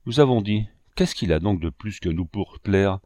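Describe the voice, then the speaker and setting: A man's voice: on the low side, expressive, normal speed, warm tone, dry recording, studio quality, lightly acted. A man reading aloud, voicing a candid young male painter who confesses openly. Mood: remorseful. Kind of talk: audiobook reading.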